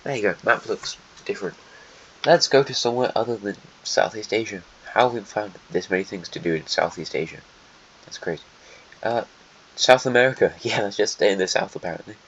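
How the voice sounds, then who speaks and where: A man hosting a map simulation talks a little fast in a fairly low, slightly bright voice that sounds stuffy and snotty. He rambles with sarcastic asides to countries, and the dull lo-fi mic carries a faint hiss.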